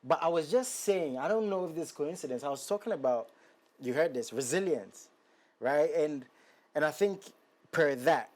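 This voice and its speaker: A man's voice: a little high, animated, moderate pace, darkish tone. A man hosting a casual interview in Ghana, friendly and encouraging, calling his guest bro. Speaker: show host. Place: Ghana studio.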